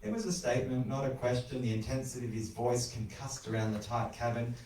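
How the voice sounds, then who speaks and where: A man narrating a macabre short story in an animated, wry, crude style, recorded in an echoey room away from the mic. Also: medium pitch, fairly quick, recorded from a distance. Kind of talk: dramatic spoken horror narration.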